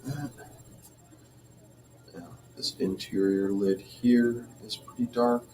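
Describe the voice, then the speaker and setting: A man giving a drawing tutorial, talking through each step in a relaxed way, clearing his throat now and then as he loses his voice. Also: lowish voice, slow pace, distant mic, slight background noise. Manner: relaxed, thinking aloud while drawing, frequent throat clearing. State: losing his voice. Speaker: art teacher.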